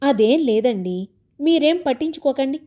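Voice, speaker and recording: A woman reading a gentle coaxing young wife. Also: high-pitched, animated, normal speed, voice pushed up. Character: patient good-humoured young wife.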